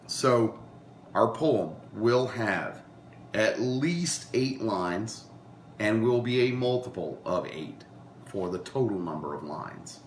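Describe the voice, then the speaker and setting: A man with a lingering cold teaching a beginners' class, explaining in an unhurried way with many ums and restarts. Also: low-pitched, a little hiss or hum. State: recovering from a cold, coughing. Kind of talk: informal lecture to a class. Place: meeting room with a class. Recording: roomy class recording.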